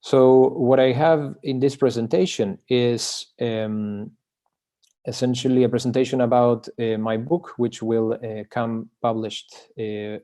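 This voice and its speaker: A man's voice: medium pitch, level tone, measured pace, mellow. Hesitant man presenting his book. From Chile. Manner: hesitant, frequent filler sounds and restarts. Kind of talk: online academic presentation. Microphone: video call.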